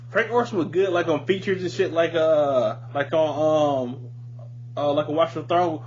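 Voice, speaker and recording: A man with a voice on the high side talks at a moderate pace, hosting a podcast about music. He's informal, blunt and opinionated, with lots of swearing. The podcast audio is muffled, with a light hum.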